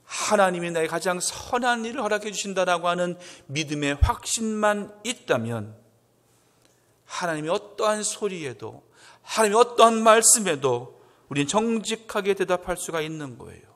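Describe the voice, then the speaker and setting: A man preaching a Sunday sermon as pastor, acting out quotes with swings up to loud, emphatic peaks. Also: high voice, animated, moderate pace. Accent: Korean. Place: church sanctuary. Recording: long church hall reverb.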